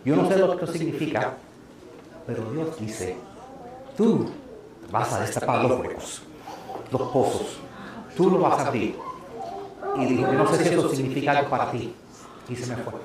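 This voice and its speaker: A man preaching as pastor, telling a personal story in an animated way and laughing often. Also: mid-range voice, moderate pace, pauses often, very echoey, background noise. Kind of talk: sermon testimony. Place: church sanctuary.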